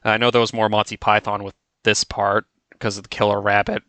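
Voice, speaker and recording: A man's voice: lowish voice, flat delivery, fairly quick, fairly bright tone, smooth, no echo. A man giving casual, offhand, rambling commentary as a video creator looking back on his own work.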